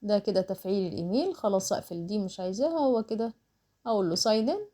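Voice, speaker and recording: Speaking fast and expressively in a mellow, mid-range voice, a woman with an Egyptian Arabic accent teaches an online screen tutorial. She explains each step casually while doing it, slipping English terms into her speech.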